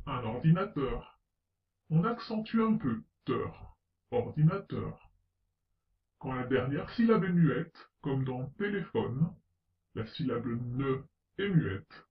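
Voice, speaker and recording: Slow, deliberate male teacher in a roomy echo. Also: mid-range voice, expressive. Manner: slow, deliberate, spelling out letters and example words. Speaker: French pronunciation teacher. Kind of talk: scripted lesson narration. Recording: roomy, distant, slightly dull sound.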